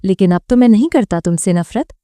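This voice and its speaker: A woman voicing a proud, brooding young man who is the hero of a romance audiobook, speaking stern and then tender, without lowering her own voice. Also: lively intonation, dark tone, clear, resonant tone, no room sound, clean studio sound, close to an everyday voice.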